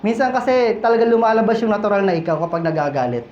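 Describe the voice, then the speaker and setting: A man's voice: sits high, expressive, rapid-fire, a little mellow. A male pastor delivers a casual, joking sermon and keeps turning questions back to the congregation. His voice rings through an echoey church hall. The sound is a little dull, with faint room noise underneath. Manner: conversational, playful, questions the congregation.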